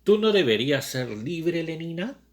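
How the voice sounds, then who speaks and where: A man reading aloud, voicing a brooding young man who longs for freedom, with slow, reflective questions. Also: on the high side, big pitch swings, voice pushed up. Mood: questioning.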